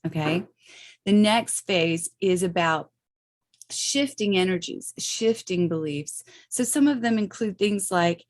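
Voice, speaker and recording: A woman's voice: lowish voice, slow. A middle-aged woman explaining a spiritual meditation practice in a loose, chatty way, often checking in with "okay" and "right". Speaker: spiritual teacher.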